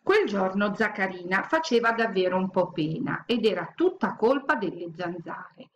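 A woman narrating a children's story aloud in a calm, expressive storytelling manner. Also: mid-range voice, moderate pace, slight background noise. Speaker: audiobook narrator.

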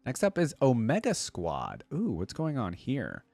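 His medium-pitched voice swoops wildly in pitch, runs a little slow, and has vocal fry and a darkish tone. He is a reaction video creator of around thirty-odd, chatting and thinking aloud into a close desk mic with a headset, with no room sound and faint music behind.

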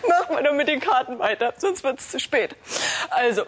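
A woman's voice: very high voice, noisy background. A woman in her thirties, a native German weather presenter, laughing hysterically as she struggles to get through a forecast. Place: television studio.

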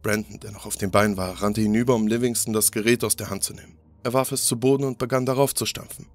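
Low-voiced man narrating a horror story. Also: quick pace. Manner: steady, grave storytelling. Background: faint music.

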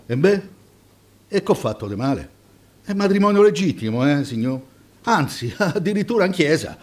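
A man's voice: on the high side, big pitch swings, normal speed. A man doing a crude, boastful cabbie. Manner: boastful, rambling, chuckling. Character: crude, chatty older male taxi driver, grandfather.

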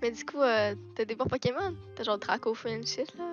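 A young woman in her twenties with a high-pitched voice and a Québécois accent chats in a laid-back way, laughing often as she plays along. Faint music sits behind her. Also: expressive, moderate pace, highs cut off. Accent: Québécois French. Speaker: voice chat guest. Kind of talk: casual voice chat.

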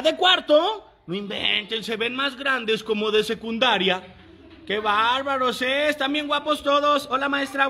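A Mexican man vlogging at a primary school, joking playfully and calling out loudly. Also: very high-pitched, gravelly. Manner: playful, teasing, calls out loudly. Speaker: vlogger delivering a birthday gift. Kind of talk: casual joking vlog chat. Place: outside and inside a primary school.

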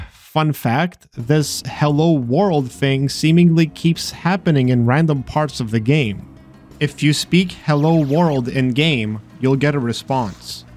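A man's voice: mid-range voice, a little mellow. A man narrating a scripted voice-over about a video game, with dry, sarcastic asides. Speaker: video host exploring games. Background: faint game music.

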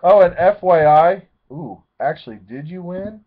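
A man in his thirties giving a casual, rambling recap of his fantasy football league from his home webcam, often correcting himself and getting excited. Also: sits high, moderate pace. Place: small room at home, seated in a leather chair. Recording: tinny, phone-like webcam audio.

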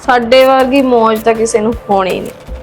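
A woman's voice: fairly even intonation, normal speed, a bit bright, faint music behind. An actress playing a scheming woman who cries on the phone and gloats alone. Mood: gloating. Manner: tearful pleading, then low sly muttering. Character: scheming woman feigning tears, then gloating. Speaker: sister on the phone. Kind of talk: Punjabi web-drama acting.

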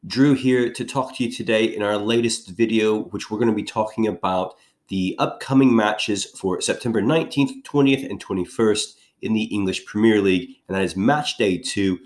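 Man, slightly low voice, head cold, casual betting preview, rambling with fillers. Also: moderate pace, a little mellow. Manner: rambling, filler-heavy delivery. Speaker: sports betting analyst host.

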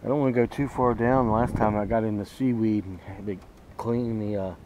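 Fishing from a small boat on a lake, this vlogger chats casually and folksily, as if to himself and his audience, in a fairly low, steady voice at a fairly quick clip. Faint outdoor noise from the boat and water can be heard.

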